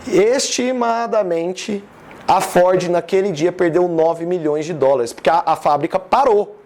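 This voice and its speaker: A man with a Goiás accent talks loosely and directly to his live audience, his voice sitting fairly high for a man. He sounds like an easygoing business speaker in his thirties, chatting more than lecturing. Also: a little slow, darkish tone. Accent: Goiás Brazilian Portuguese. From Goiás, Brazil. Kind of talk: informal live talk to an audience.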